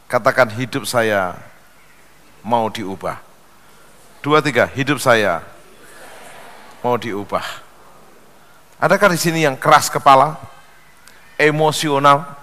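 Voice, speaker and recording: A man preaching a sermon, telling jokes with acted-out voices and leading the congregation in call-and-response. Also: mid-range voice. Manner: animated joke-telling, acts out voices. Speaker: pastor. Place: large church hall. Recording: long hall reverb.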